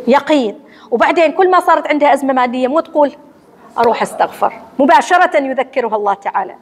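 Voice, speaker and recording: A woman with an Omani accent giving a religious lecture to women in a mosque hall, asking and answering her own questions in a lively teacherly way. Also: high voice. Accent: Omani Arabic. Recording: long hall reverb.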